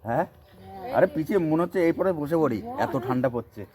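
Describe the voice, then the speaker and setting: Hoarse man chatting to his viewers. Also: a little high, animated, fast talker, a crowd in the background. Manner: chatty, addresses viewers directly as friends. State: hoarse from a cold. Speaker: vlogger. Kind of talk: casual vlog chat. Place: outdoors by a bonfire on a cold day.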